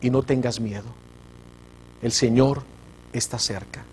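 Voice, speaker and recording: A man with a Mexican Spanish accent, a preacher hosting a religious TV show, telling a testimony with fervor and swinging between loud and hushed. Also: medium pitch, fairly even intonation, a little slow, slight background noise. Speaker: preacher and TV host.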